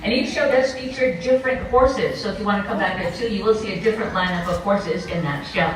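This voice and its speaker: Over loudspeakers at an outdoor horse show arena, a woman announces a live animal show to the crowd as an upbeat presenter, talking fast in a mid-range voice. The PA sounds very echoey and distant, with music behind her and a little hiss or hum.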